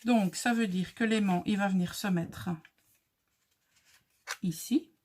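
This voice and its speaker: A woman hosts a casual crafting tutorial, with a light accent. She speaks at an unhurried, leisurely pace, chatting in a friendly way as she talks viewers through each step. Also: medium pitch, steady tone, background noise.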